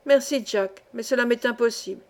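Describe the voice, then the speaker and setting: An earnest, loyal young miner , voiced by a woman reader in an audiobook. He answers respectfully and plainly, in a fairly high voice. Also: normal speed, close to an everyday voice.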